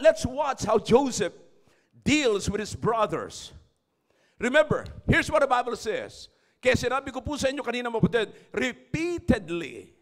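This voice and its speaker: Filipino pastor guy preaching in church, super high pitched, shouts and calls out to the crowd. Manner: switches between English and Tagalog, calls out to congregation; loud, dramatic preaching with shouting peaks. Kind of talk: sermon.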